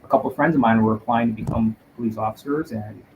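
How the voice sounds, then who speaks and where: A man from Canada, a detective inspector and guest, telling his personal story in a reflective, earnest way with frequent pauses. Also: on the low side, fairly even intonation, background noise.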